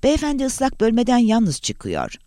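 A man's voice: very high-pitched, wildly swooping pitch, a little slow, warm tone, no echo, studio quality, pitched above the performer's own voice, exaggerated voice. A man voicing a matter-of-fact security guard. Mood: uneasy. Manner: matter-of-fact, reporting step by step. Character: reluctant male security guard.

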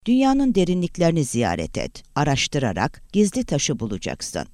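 Man reading as a calm scholar, measured, explanatory, animated pitch, dry close mic. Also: dry recording. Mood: thoughtful.

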